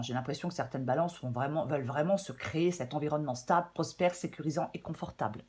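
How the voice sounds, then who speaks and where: A slightly hoarse woman giving a casual, chatty weekly tarot reading, with many fillers and some throat clearing. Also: low-pitched. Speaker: tarot reader.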